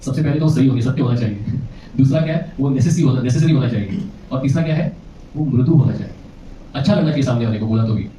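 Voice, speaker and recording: A man's voice: medium pitch, fast talker, dark tone, slight background noise. Man coaching a seminar, distant and echoey. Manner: quizzes the audience, chuckles often. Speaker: relationship coach. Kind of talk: seminar lecture. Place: seminar hall with an audience. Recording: echoey, muffled hall recording from afar.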